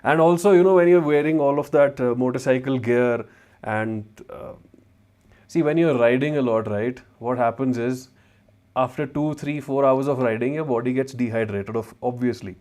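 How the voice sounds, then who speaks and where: Man, north Indian accent, medium pitch, informal livestream Q&A, chatty, mixes English with Hindi slang, wireless mic. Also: moderate pace, a little mellow. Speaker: travel vlogger and former chemistry teacher hosting a livestream. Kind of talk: casual livestream chat answering viewers' questions.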